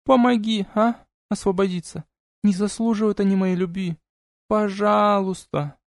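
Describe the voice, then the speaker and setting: Naive young succubus, high and wheedling, voiced by a male reader. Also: steady tone, moderate pace, a little mellow, no room sound, clean studio sound. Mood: pleading. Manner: pleading, childlike and wheedling.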